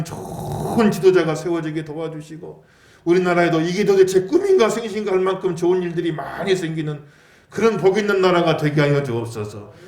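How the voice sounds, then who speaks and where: Pastor guy preaching hard, kinda high voice, echoey church. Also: a little mellow, recorded from a distance. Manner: emphatic preaching, leads congregation in responses and readings. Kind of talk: sermon. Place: church sanctuary.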